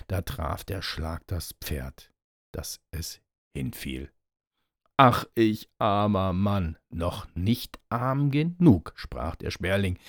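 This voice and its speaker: A man reading a fairy tale aloud in a steady storytelling manner. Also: deep voice, dry recording, clean studio sound. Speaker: narrator.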